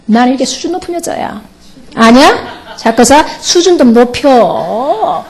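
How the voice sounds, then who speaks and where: Middle-aged woman, pastor's wife, animated testimony sermon; high and expressive. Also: measured pace. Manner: animated, laughing, mimics others' voices. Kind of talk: lively testimony sermon to a camp.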